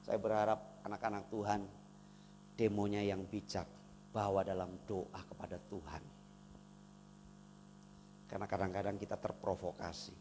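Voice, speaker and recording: A man from Indonesia preaching a sermon as pastor, swinging between loud emphatic lines and soft, intimate asides. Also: on the low side, little pitch movement, normal speed, long pauses. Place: church hall. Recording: reverberant church hall, faint noise.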